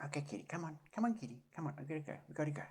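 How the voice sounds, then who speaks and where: Woman, 40s, casual home vlogger; low voice that swings wide, rambling, coos at a cat. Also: animated, very fast, darkish tone. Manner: coos in high sing-song baby talk to a cat; meandering, chatty, talks to herself. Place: home, on a swivel chair by a sofa.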